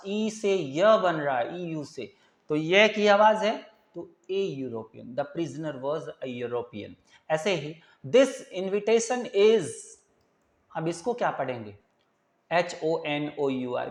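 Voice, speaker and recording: A man's voice: fairly high pitch, roomy sound. A man teaching English grammar in Hindi, with a Hindi accent, who asks the viewer questions and repeats them. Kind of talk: classroom grammar lesson.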